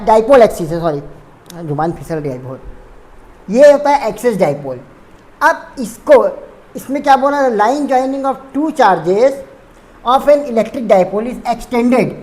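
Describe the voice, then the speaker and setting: Woman teacher, unhurried, fairly high voice, walks through each step and fixes her own slips. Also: a little mellow. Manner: explains step by step, repeats terms, corrects her own slips. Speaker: physics teacher. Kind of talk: blackboard lesson explanation.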